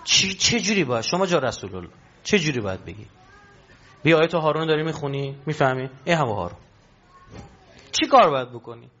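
A man's voice: on the high side, lively intonation, long pauses, fairly bright tone, highs cut off. A man preaching a religious sermon, emphatic and full of rhetorical questions to his listeners.

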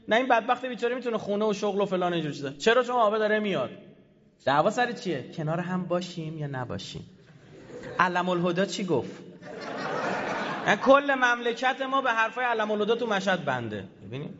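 A man who heads an institute, giving a heated, sarcastic talk to an audience, swinging between loud bursts and low asides. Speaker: head of an institute. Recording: dull lo-fi audio in a reverberant hall.

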